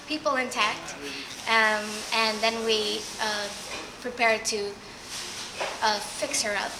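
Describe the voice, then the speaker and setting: A woman from New York being interviewed, speaking in a measured, thoughtful way. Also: fairly high pitch. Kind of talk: casual interview. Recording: echoey room, party noise with dishes.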